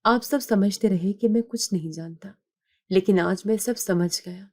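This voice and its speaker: A woman's voice: medium pitch, a little mellow, lightly acted. A woman voicing a firm, indignant young husband. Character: angry young husband, protective man.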